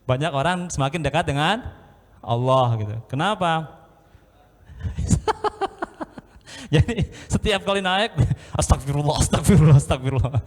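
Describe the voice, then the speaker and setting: A man preaching a lively sermon with jokes, acting out stories and chanting prayers. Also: on the high side, slow pace, long pauses, in a large hall. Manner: animated storyteller, acts out scenes and chants.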